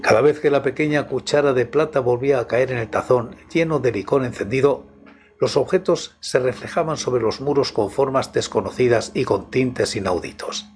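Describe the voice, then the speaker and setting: A man narrates scripted horror stories in a hushed, intimate half-voice, as if right in the listener's ear. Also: medium pitch, moderate pace. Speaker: channel host and horror story narrator. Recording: music behind the voice. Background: background music.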